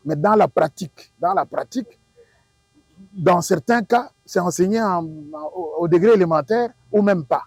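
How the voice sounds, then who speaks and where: This Congolese linguistics professor has a husky, high-pitched, darkish voice and a Congolese French accent, speaking at normal speed. In a dry interview recording with no room sound, he explains to an audience in a didactic, emphatic way, leaning on rhetorical questions and repetition.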